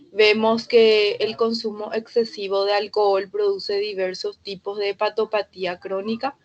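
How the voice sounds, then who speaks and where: A woman delivers a medical lecture in a steady, methodical way, working through terms one after another. Her voice sits at an ordinary middle pitch. The recording is dull and slightly lo-fi.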